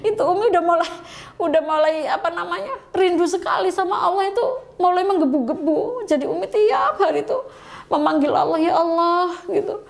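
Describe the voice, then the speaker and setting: High-voiced woman telling her testimony. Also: fairly quick, vocal fry. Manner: refers to herself as Umi, pleading quoted prayers. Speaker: guest telling her conversion story. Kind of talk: emotional personal testimony.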